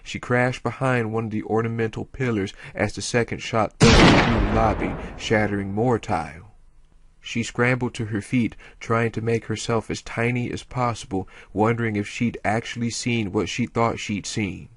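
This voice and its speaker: A man narrating an audiobook chapter in a steady storytelling manner. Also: fairly low pitch, normal speed, dry recording. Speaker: audiobook reader.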